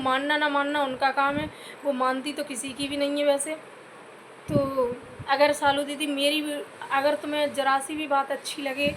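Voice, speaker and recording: Background noise runs under this direct-to-camera rant by a high-voiced woman YouTube vlogger from Uttar Pradesh, India. She scolds her listeners, calls them "bhai" again and again, and earnestly asks for comments.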